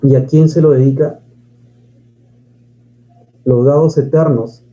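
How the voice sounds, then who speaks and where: A man's voice: mid-range voice, fairly even intonation, slow, mellow. A man teaching a grammar lesson, who asks and answers his own questions and reads poems aloud. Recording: dull lo-fi sound.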